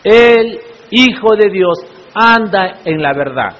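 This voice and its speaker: High-voiced male pastor preaching slowly. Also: animated, fairly bright tone. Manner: preaching with frequent rhetorical questions to the congregation. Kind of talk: sermon. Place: church. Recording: echoey church hall, muffled lo-fi sound.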